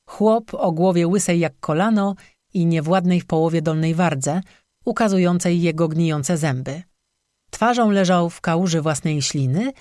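Audiobook reader telling a legend, mid pitch, very dry close recording. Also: a little mellow, no room sound. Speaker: audiobook narrator. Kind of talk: scripted narration.

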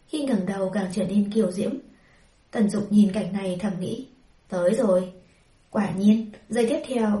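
A woman narrating a historical novel as an audiobook, in a measured storytelling voice, in a roomy, distant recording. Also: mid-range voice, mellow.

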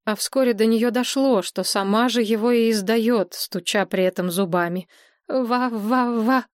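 A woman reads an audiobook in an even, measured way, mid-pitched for her sex. The recording is dry and close, with no room sound. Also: no echo. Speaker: audiobook narrator. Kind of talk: scripted audiobook narration.

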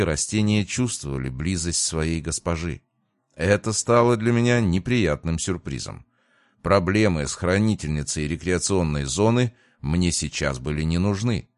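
Male narrator, low and measured, dry studio read, first-person audiobook. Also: dry recording.

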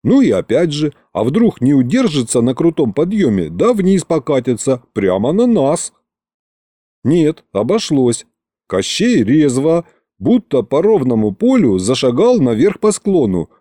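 A man narrating a fantasy story in the first person, in a wry, lively way. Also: on the high side, no echo, studio quality. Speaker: audiobook narrator.

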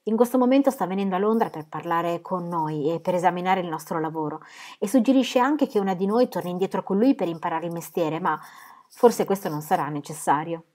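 A woman's voice: fairly low pitch, a little fast, darkish tone, close to an everyday voice. A woman voicing a determined young eldest sister. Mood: earnest. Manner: firm and earnest. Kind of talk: audiobook reading.

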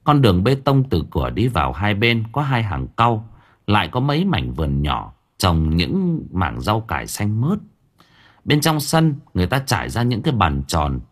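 Deep, husky male audiobook narrator. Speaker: story narrator. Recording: narration over faint background music.

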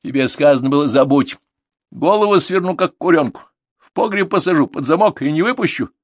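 A man voicing a loud, scolding village mother who shouts at her daughters in an audiobook. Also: medium pitch, animated, moderate pace, no room sound, studio quality, pitched above the performer's own voice, natural voice. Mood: furious.

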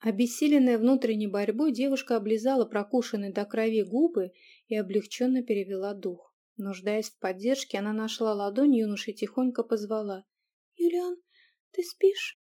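Woman, audiobook narration, calm, measured, mellow tone. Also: mid-range voice. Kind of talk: scripted narration.

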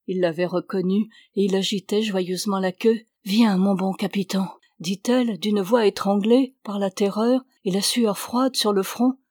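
A woman reading a novel aloud as an audiobook in a measured, even storytelling manner. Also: medium pitch, no room sound, clean studio sound. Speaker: audiobook reader.

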